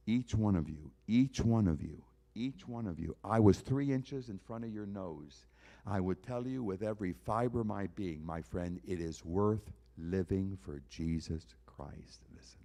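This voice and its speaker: Male pianist giving church testimony; low, warm, emphatic, repetitive appeals. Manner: preaching, emphatic repetition, direct appeals to listeners. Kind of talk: evangelistic talk at a church concert.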